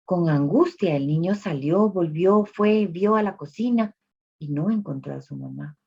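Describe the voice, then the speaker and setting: A woman telling a religious story to listeners, speaking directly to them with dramatic pauses. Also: on the low side, gravelly, dark tone, husky. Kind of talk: emotional spoken storytelling. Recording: dull lo-fi recording.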